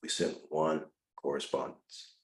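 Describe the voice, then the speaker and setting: A man's voice: extremely low pitch, level tone, a little slow, roomy sound. A man hosting a video-call Q&A, giving instructive advice to callers and stressing his points by repeating them. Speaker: host answering caller questions.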